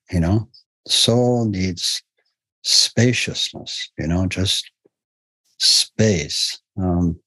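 A man with a low, husky voice hosts a contemplative interview. He speaks slowly and gently, pausing often. The recording is dry and close. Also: no room sound, rough recording. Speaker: host.

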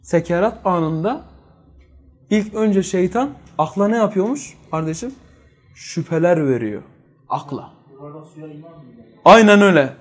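High-voiced man teaching a faith lesson. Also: lively intonation, unhurried, long pauses. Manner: quizzes listeners with rhetorical questions. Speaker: religious teacher. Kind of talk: religious study lesson.

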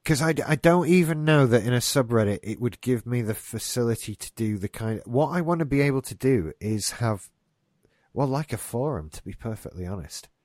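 With an expressive, brisk, a little mellow mid-range voice, a man hosts a casual gaming news podcast, rambling and lightly cursing. He's getting a stuffy nose, and the sound is dry and studio quality.

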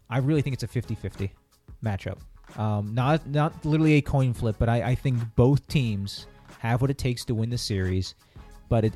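A man's voice: mid-range voice, mellow. A man co-hosting a casual sports talk podcast, earnest and opinionated, often restarting his sentences. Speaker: podcast co-host.

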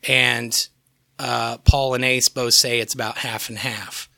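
A man's voice: mid-range voice, flat delivery, measured pace, vocal fry, sharp tone, dry recording, clean studio sound. A man co-hosting a podcast, chatting loosely about a rock band, rambling and swearing as he works from his notes. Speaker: podcast co-host. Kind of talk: casual chat about music.

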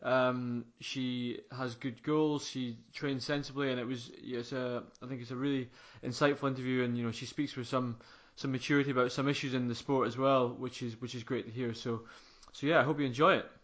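A man's voice: mid-range voice, fairly even intonation, brisk, few pauses, fairly bright tone, muffled recording. A man presenting a sports podcast conversationally, encouraging and a little hesitant in his phrasing. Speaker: podcast host and interviewer.

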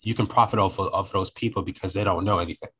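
A man's voice: sits low, fairly even intonation, racing, sharp tone, husky, rough recording. A young man talking casually on a podcast, rambling and repeating phrases as he searches for words.

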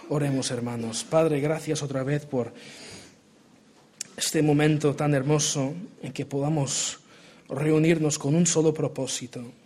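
A young man raised in Portugal preaches in Spanish, his accent shaped by Portuguese and American English. His voice is a little high and slightly mellow, and he's earnest, restarting often as he moves through a sermon, Bible reading and prayer.

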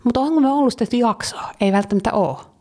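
A woman from Finland co-hosting a podcast, chatting casually and lively, slipping in English phrases. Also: a little high, slight background noise. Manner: lively, mixes English phrases, laughs often. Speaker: podcast co-host. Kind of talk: casual chat.

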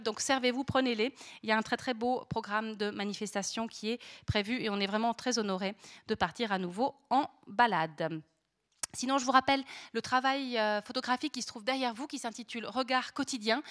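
A woman with a fairly high, slightly bright voice hosts an event and introduces a debate. Her announcements are semi-formal, and at times she searches for her words.

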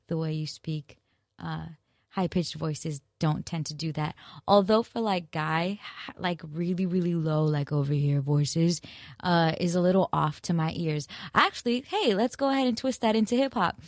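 Low, gravelly-voiced woman podcasting casually. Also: no echo, studio quality. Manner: rambling, musing and self-correcting; relaxed and unhurried. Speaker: podcast host. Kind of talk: casual solo podcast chat.

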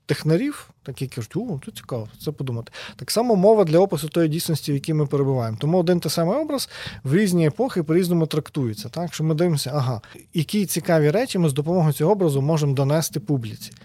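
A man as a podcast guest, a sociologist explaining ideas in an animated, conversational way and often checking in with tag questions. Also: fairly high pitch, racing, dry recording.

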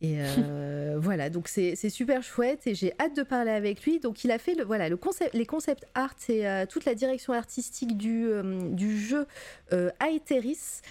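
A woman's voice: on the high side, lively intonation, moderate pace, dark tone, no echo. Chatty woman hosting a live stream. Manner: chatty, many fillers, giggly asides. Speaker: stream host. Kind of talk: casual live-stream chat.

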